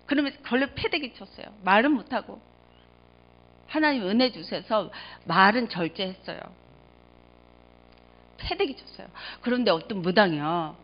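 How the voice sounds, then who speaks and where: Fervent woman pastor preaching. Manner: emotional storytelling, swings between loud exclamations and quiet low asides. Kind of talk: sermon. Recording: dull lo-fi sound.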